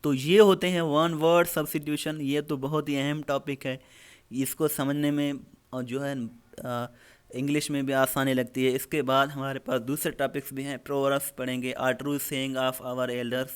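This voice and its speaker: A man, explaining an English lesson step by step and slowing down on the English examples. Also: medium pitch, little pitch movement, clean tone. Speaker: English teacher.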